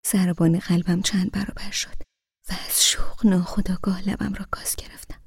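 Soft, whispery woman narrating a novel. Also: fairly low pitch, little pitch movement, slightly rough, no echo, clean studio sound. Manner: soft, half-whispered and wistful. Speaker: audiobook narrator.

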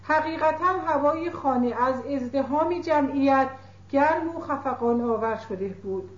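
A woman reading a classic novel aloud as an audiobook narrator, in a measured literary manner. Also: sits high. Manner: measured literary reading, voices characters lightly. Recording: roomy lo-fi tape recording.

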